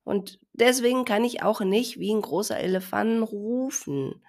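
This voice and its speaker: Storybook casting: a woman reading a timid, pouting baby elephant, quiet and hesitant, with a gravelly edge. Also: mid-range voice, measured pace, voice pushed up, lightly acted. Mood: sulky. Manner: shy, sulky, avoids words with T. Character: timid young male elephant calf.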